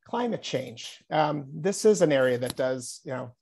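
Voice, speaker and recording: A man's voice: medium pitch, expressive, a little slow, vocal fry, darkish tone. A middle-aged man, an insurance executive, speaking earnestly on a panel video call through earbuds from a small office, with many restarts.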